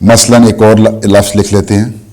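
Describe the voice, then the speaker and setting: A man teaching a language lesson, explaining slowly and asking questions he answers himself. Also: lowish voice, level tone, a little mellow. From Pakistan. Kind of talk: classroom lesson.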